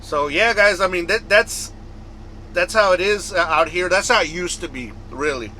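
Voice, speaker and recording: A man from the United States who makes trucking vlogs speaks casually to viewers at normal speed, his voice sitting high and sounding pushed and bright. His talk meanders and repeats itself, and the poor audio carries slight background noise.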